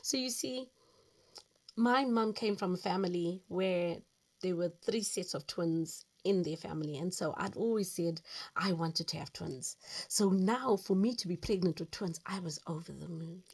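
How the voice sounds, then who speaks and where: A woman in her fifties speaks in a fairly low voice with a gravelly edge and a husky grain. She hosts her own talk and tells her own story, earnest and reflective, with lively emphasis. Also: measured pace. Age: 50s. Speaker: host. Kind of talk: personal storytelling monologue.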